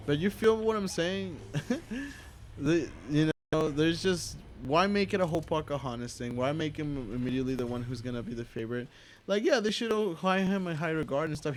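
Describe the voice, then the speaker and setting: A man's voice: fairly high pitch, slight background noise. A young man from the United States, hosting a casual, profane opinion rant full of restarts and asides. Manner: profane, rambling, with many restarts and filler asides. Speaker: host.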